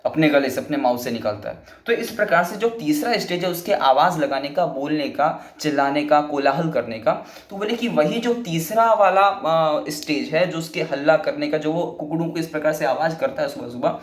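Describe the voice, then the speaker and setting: A man's voice: on the high side, moderate pace, hardly any pauses, reverberant. A man teaching a Sanskrit lesson, patiently explaining and restating each point several times.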